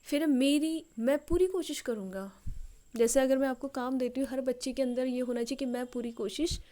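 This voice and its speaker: Woman, English teacher, fairly high voice, deliberate dictation of practice sentences. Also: mellow. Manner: explanatory, addresses students directly. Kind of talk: bilingual classroom-style lesson.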